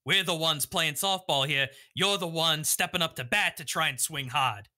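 A man with a high, strikingly bright voice plays a tabletop game. He argues in character with earnest, defiant force. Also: normal speed. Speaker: tabletop role-playing player. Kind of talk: impassioned in-character argument.

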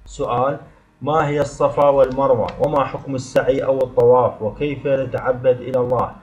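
A male teacher giving an exam review lesson, reading definitions and examples from his notes in a steady, listing way. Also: medium pitch, fairly quick. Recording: slightly dull lo-fi sound.

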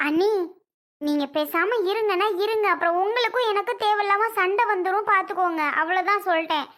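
A woman playing a stubborn young wife who angrily refuses to go back, snapping sharp retorts. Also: very high-pitched, fairly quick. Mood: defiant.

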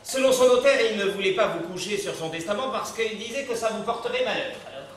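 Fussy, flustered servant type, played by an actor on a live stage; high bright voice in a distant hall. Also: male voice, lively intonation, fast, a little hiss or hum. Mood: deferential. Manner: polite, fussy and exasperated on the telephone. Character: flustered, deferential male household employee. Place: theatre stage. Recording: echoey theatre stage from far off.

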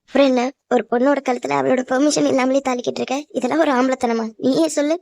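A woman plays a fiery young heroine in a cartoon drama who talks back in a sharp, accusing way. Her voice sits high and the words rush out fast, with a dry sound. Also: steady tone, gravelly, no room sound. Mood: indignant. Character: young woman, defiant and outspoken. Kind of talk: cartoon voice acting.

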